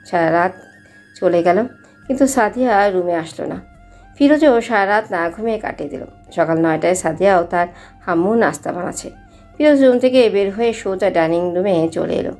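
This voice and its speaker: Warm-toned woman narrating a story. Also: medium pitch, moderate pace, soft background music.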